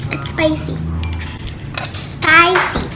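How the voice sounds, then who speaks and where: Young filipina accent girl, woman w high voice, playful food vlog chat, really noisy w dishes clinking. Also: little pitch movement, drawn-out words, roomy sound. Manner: playful, teasing banter with sibling. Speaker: vlogger.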